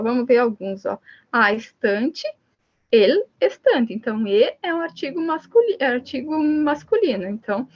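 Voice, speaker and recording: A woman's voice: sits high, lo-fi sound. A Brazilian woman teaching Spanish grammar step by step, often saying "então" and "ó" as she points to examples. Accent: Brazilian Portuguese. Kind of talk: recorded classroom lesson.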